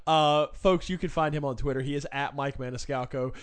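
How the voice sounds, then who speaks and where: A man's voice: on the high side, steady tone, fairly quick, clear, resonant tone. Playful male sports talk host. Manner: playful, rambling questions. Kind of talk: sports talk show hosting.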